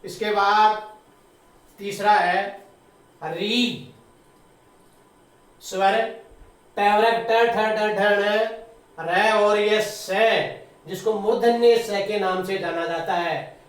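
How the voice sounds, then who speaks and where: A man teaching a spoken grammar lesson, slowly and deliberately spelling out sounds one at a time. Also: sits high, fairly even intonation, far from the mic. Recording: very echoey room, voice away from the mic.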